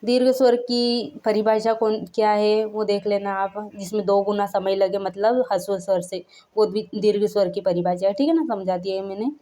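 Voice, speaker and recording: Chatty woman teaching with a mellow voice. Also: medium pitch, fairly even intonation, moderate pace. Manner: repeats "theek hai na" after each point, asks the viewer questions; stretches out sounds to show how long they are. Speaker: Hindi grammar teacher. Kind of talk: casual classroom-style lesson.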